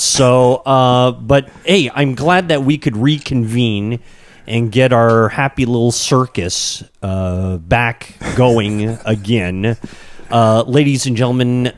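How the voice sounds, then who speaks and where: An American man hosting a podcast in casual, jokey chat, with showman-like, exaggerated phrasing. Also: medium pitch. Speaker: podcast host.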